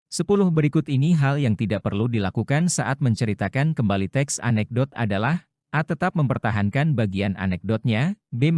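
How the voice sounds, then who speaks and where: Man, mid pitch, steady quiz reading, dry close sound. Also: dry recording. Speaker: teacher reading practice questions. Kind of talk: reading quiz questions and answers aloud.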